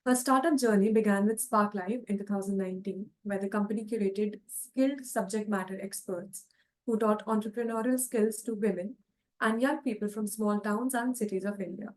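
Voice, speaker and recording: A woman's voice: mid-range voice, moderate pace, poor audio. A woman hosting an online event, reading a scripted, formal introduction of a speaker. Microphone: online call.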